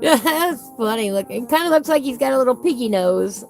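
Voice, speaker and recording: Female casual vlog host, fairly high voice with a whistle on her S's, folksy and gushing, faint music behind. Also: lively intonation, moderate pace, vocal fry. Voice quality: whistling S sounds. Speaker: host of a coloring book channel. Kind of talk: casual live chat while flipping through a book.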